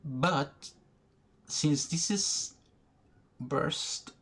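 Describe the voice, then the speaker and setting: A man giving educational commentary over a card game, thinking aloud slowly, pausing often and restarting his sentences. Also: on the high side, a bit bright, breathy edge. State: has the hiccups. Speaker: gaming video creator. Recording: faint background noise, poor recording.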